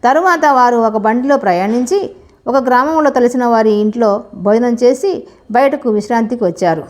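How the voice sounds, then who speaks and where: A woman narrating a scripted folk tale in a steady, measured storybook reading. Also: fairly high pitch.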